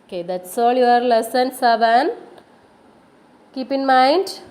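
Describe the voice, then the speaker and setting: A woman teacher giving a recorded lesson to children, explaining slowly, asking questions and answering them, and spelling words out letter by letter. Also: a little high, animated, darkish tone, rough recording. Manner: addresses children directly, asks questions and answers them herself. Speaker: school teacher.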